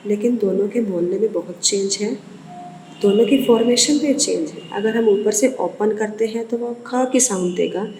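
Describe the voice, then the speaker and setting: A woman teacher patiently taking young pupils through letters in an online lesson, sounding each one out slowly and calling them child. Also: mid-range voice, mellow, slight background noise. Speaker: school teacher. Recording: roomy echo with long reverb.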